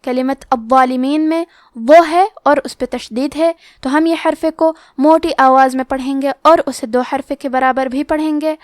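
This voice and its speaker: A woman's voice: sits high, fairly even intonation, dry recording, clean studio sound. A woman teaching Quran recitation rules, explaining carefully and stretching out sample words. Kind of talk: tajweed lesson.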